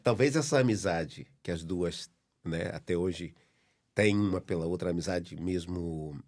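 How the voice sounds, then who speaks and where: A middle-aged man, a podcast guest, speaking in a measured, reflective way about being a father. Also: low-pitched, a little mellow. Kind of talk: casual podcast conversation.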